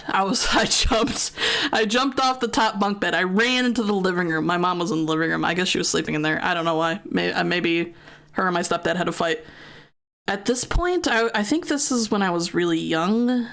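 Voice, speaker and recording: A woman's voice: fairly low pitch, moderate pace, a bit bright. A young American woman streamer casually telling a long story, chatty, with lots of fillers and swearing. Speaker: gaming streamer.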